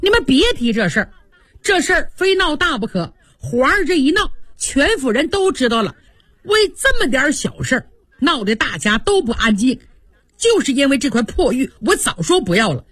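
Brief: woman as careless young lordling in a spoken story, raised pitch. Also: big pitch swings, moderate pace, a bit bright, no echo. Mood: fretful. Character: pampered young nobleman, impatient and careless.

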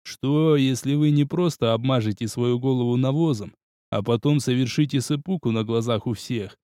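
A man's voice: medium pitch, warm tone, no room sound, clean studio sound, lightly acted. A man voicing a stern, cunning male military academy instructor who speaks formally. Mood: cold, formal. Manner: measured, cold, formal.

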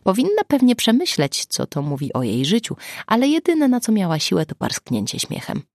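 A woman narrates an audiobook from a script, telling the story expressively. Her voice is medium in pitch at a normal speed, recorded with clean studio sound and no room sound.

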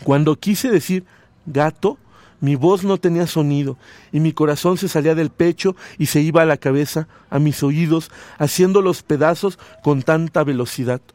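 A man's voice: on the high side, normal speed, no echo. A man, a radio host who reads a story expressively and then chats with guests. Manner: expressive reading, voices quoted lines loudly. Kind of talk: dramatic story reading, then casual radio chat.

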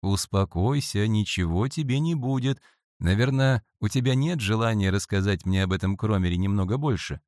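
A man voicing a calm, knowing schoolboy who speaks with gentle, assured persuasion, on a dry close audiobook recording. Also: on the low side, moderate pace, no echo, close to an everyday voice. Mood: soothing.

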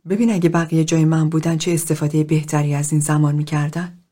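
A woman voicing a timid, self-blaming librarian, speaking softly and hesitantly through tears. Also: low-pitched, flat delivery. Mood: tearful. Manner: soft, hesitant, half whispered. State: tearful.

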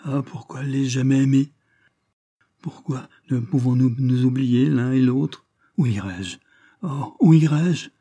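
A man's voice: mid-range voice, fairly even intonation, unhurried, warm tone, voice pushed up. A man reading the lament of a despairing young woman in an audiobook, raising his voice.

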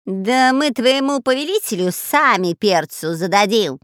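A jittery, cowardly robber with a long nose whines and squeals, as a woman narrator puts him on, his voice pushed high. He sounds loud and bickering, close and dry for an audiobook. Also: very animated, normal speed, no echo. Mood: squealing. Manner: whining, squealing, quarrelsome. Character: whiny, cowardly long-nosed male robber. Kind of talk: audiobook character voice.

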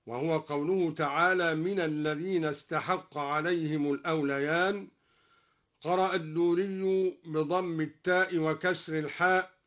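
Egyptian sheikh teaching quran readings slow and careful, voice a bit high, chants the verses he quotes. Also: fairly bright tone. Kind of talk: scholarly explanation of Quran readings. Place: radio studio.

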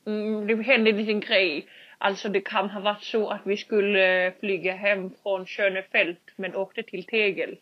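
A young woman in casual podcast chat, telling a story with lively acted-out quotes and casual swearing. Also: medium pitch. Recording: dull lo-fi sound.

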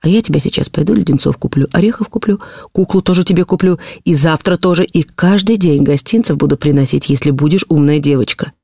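A woman's voice: low voice, quick pace, vocal fry, warm tone, husky, no room sound, studio quality, exaggerated voice. A woman reading an audiobook voices a desperate father who pleads, threatens and coaxes with a trembling voice. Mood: coaxing. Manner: trembling, feverish, then stern. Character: desperate, pleading then harsh poor father.

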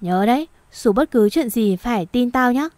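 A woman's voice: a little high, lively intonation, normal speed, a little mellow, dry recording, close to an everyday voice. A woman playing a bossy teasing young master, curt lines, dry close sound.

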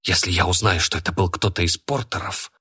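Harsh cold storybook dad, read by a man, clipped and sharp, kinda low voice. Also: a little fast, slightly rough, heavily acted. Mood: stern. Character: stern angry grown man, a boy's father.

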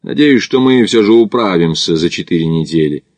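A brash, chatty Australian mountaineer, as a male audiobook reader puts him on, brisk and mocking, his speech pitched up and lively. The voice sits dry and close, with no room around it. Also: no echo.

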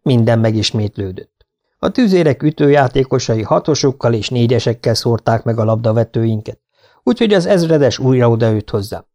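A man narrating an audiobook in a steady storytelling manner. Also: mid-range voice. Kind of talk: scripted narration.

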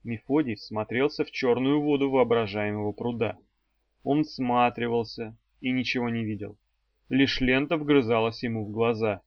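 A man narrating an audiobook in an even, measured storytelling manner, in a dry, slightly dull recording. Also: medium pitch, no echo.

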